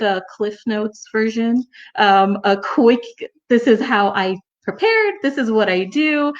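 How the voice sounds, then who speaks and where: A woman hosting a casual online cook-along, talking in a warm, rambling way with fillers and religious phrases from her home kitchen over a video call. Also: a little high, lo-fi sound. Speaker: host.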